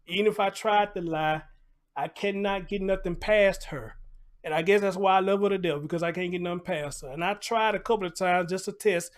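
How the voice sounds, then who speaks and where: Brisk, with a voice that sits high, the American host of a casual live commentary program keeps things conversational. Rhetorical questions, repeated lines and preacher-like digressions run through his talk.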